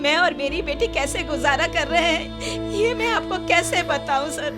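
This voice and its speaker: A woman's voice: very high voice, expressive, unhurried. A desperate, frantic mother. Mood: pleading. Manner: pleading, frantic cries. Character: desperate middle-aged mother of two. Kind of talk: Hindi film dub acting. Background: film score music.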